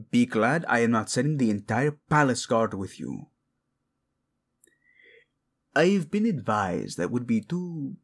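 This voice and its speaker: In a romantic audio roleplay, a man voices a possessive, devoted prince, murmuring formal words and Spanish endearments to his wife. His mid-range voice is exaggerated, husky and gravelly, turning breathy in places.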